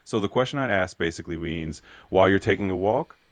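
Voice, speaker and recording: A man's voice: deep voice, expressive, fast talker, no echo. A man tutoring Japanese, asking practice questions and explaining with encouraging feedback.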